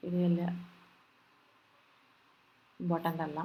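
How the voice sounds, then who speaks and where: A woman tutor talks in a fairly low voice. She reads notes out slowly, then explains them in Malayalam, full of fillers and restarts. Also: level tone, warm tone. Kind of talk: exam-prep lecture.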